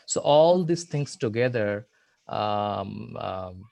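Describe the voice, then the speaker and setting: A man speaking as a PhD student panelist, measured and halting, often repeating words before finishing a thought. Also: fairly low pitch, expressive, gravelly, mellow, no room sound. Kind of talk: online panel talk.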